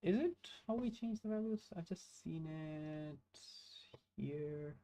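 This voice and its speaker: A young man, thinking aloud while coding on a live stream, halting and correcting himself with many fillers. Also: a little high, lively intonation, mellow. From Bangladesh.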